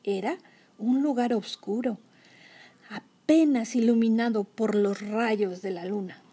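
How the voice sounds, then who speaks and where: A woman's voice: a little high, takes it slowly, dark tone, breathy edge. A woman reading a children's novel aloud, expressively and with acted-out dialogue. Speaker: reader.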